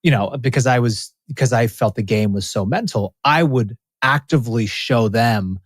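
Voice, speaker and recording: A man's voice: lowish voice, no room sound, studio quality. A man speaking as a podcast guest about his years as a racing athlete, earnest and emphatic, often restarting his sentences. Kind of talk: casual interview conversation.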